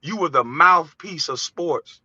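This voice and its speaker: Heated, bright-voiced man on a rant. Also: on the high side, lively intonation, a little slow, slightly rough, no echo. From United States. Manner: heated, ranting, profane, preachy. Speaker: vlogger. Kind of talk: impassioned monologue. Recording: dull, dry lo-fi recording.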